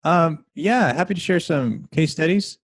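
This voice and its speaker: A man being interviewed as a mindset coach and speaker, explaining his method in a confident, pitch-like way. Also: animated, unhurried, dry recording.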